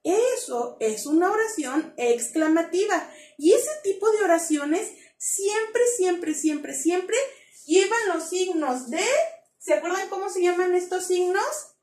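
A woman with a very high voice teaches a grammar lesson to young children. She talks in a lively, coaxing way and keeps asking the class questions. The sound is echoey, as if she is in a bare room. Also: slow pace.

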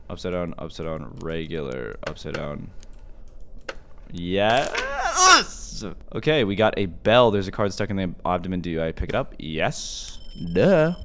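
A young male horror game streamer with a fairly low voice that leaps around in pitch. He sounds scared and jumpy, reacting out loud and muttering to himself, with some noise behind him. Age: young adult. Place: small indoor room.

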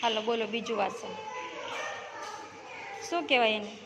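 A woman teaching preschoolers, coaxing them with repeated questions and quick praise. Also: on the high side, over music. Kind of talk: classroom questioning of small children. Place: village preschool classroom. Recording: noisy classroom recording.

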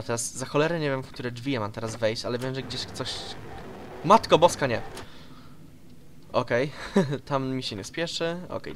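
A man giving casual, excitable commentary while playing a horror game, swearing and yelping when scared. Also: medium pitch, a little hiss or hum. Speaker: let's play host.

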